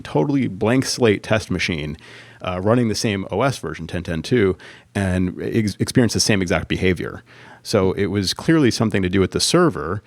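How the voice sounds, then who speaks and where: A low-voiced man talks shop on a podcast, rambling through a story with plenty of "um" and "you know." The recording is dry and close, with no room sound. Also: dry recording. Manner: rambling, many fillers and restarts. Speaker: podcast co-host, Apple consultant. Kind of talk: casual tech chat.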